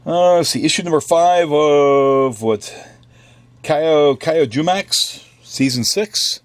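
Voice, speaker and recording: An American man who runs a comic book store goes casually through the week's new comics, tossing in offhand jokes. His voice is a little high, and he takes his time.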